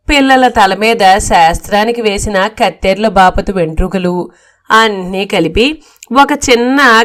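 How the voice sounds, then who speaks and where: Woman narrating a humorous story. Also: mid-range voice. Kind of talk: storytelling reading of a humorous novel.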